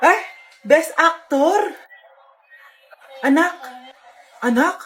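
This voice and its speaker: Woman, very high bright voice, comedy skits, plays every role, fast character switches. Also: expressive, slight background noise. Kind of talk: comedy skits, one performer playing every part.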